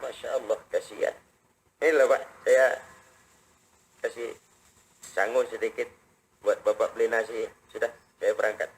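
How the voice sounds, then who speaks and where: A man voicing a gentle, humble caliph in a sermon story, speaking in a hushed, kindly tone. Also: on the high side, little pitch movement, normal speed, voice pushed down, natural voice, rough recording. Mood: tender. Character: gentle, humble male caliph, middle-aged.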